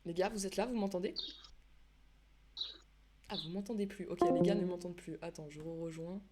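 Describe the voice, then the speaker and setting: A woman's voice: lowish voice, fairly even intonation, brisk, warm tone. A young adult woman hosting an esports league live stream, chatty and laughing often, correcting herself as she goes. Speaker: esports league show host.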